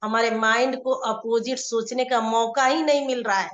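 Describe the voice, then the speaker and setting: A woman's voice: fairly high pitch, fairly even intonation, normal speed, roomy sound, muffled recording. A woman life coach teaching a live online session, explaining and repeating her points as she speaks directly to viewers.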